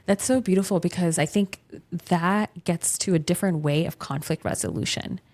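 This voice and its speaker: A woman hosting a therapy podcast, explaining things conversationally in a calm, affirming way with emphasis on key words. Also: on the low side, normal speed.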